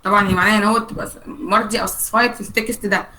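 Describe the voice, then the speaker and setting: A woman with an Egyptian Arabic accent teaching English vocabulary in a classroom lecture. She spells out English slowly, explains in quick Arabic asides and keeps checking with the class. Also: medium pitch, steady tone, sharp tone, poor audio. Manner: switches between Arabic and English, slow dictated English and rapid Arabic asides; checks on the class with frequent "okay?" and "right?".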